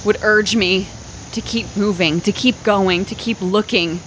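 A woman telling an improvised comic story in a halting, dramatic way, often repeating phrases. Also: mid-range voice, fairly even intonation, background noise.

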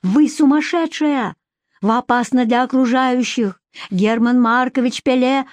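A woman reading as a bossy female personal assistant who scolds and shouts when angry. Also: fairly high pitch, lively intonation, measured pace, no echo. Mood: indignant.

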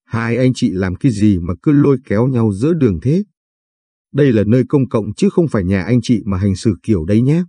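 A man's voice: on the low side, animated, fairly quick, dark tone, slightly rough, no echo. A man reading the part of an older neighbor sternly scolding a quarreling couple. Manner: stern, reproving.

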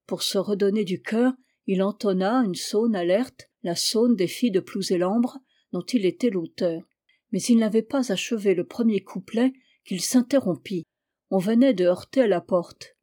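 Woman audiobook narrator, folk tale, mellow and warm, even storytelling delivery. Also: medium pitch, normal speed. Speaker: audiobook reader.

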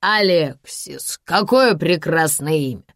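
Woman doing drunken ruined man, slurring, loud and theatrical, drawn-out slow delivery, dry close sound. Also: low-pitched, animated, no echo, exaggerated voice. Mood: drunk, mocking. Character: drunken boastful ruined man, swaying and mocking. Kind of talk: audiobook character voice.

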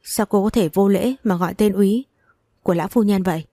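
A woman's voice: mid-range voice, fairly quick, warm tone, no room sound, studio quality, lightly acted. A woman voicing an irritable young housemaid who speaks curtly and scolds. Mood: scolding. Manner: curt, scolding. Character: irritable young female housemaid guarding the gate.

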